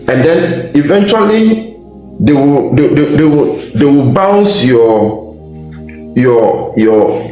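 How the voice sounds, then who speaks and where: A man's voice: fairly high pitch, darkish tone. Impassioned man from Ghana calling in. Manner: hesitant fillers, builds to emphatic repetition. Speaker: caller. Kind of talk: impassioned opinion on a call-in. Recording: echoey, muffled line with faint music.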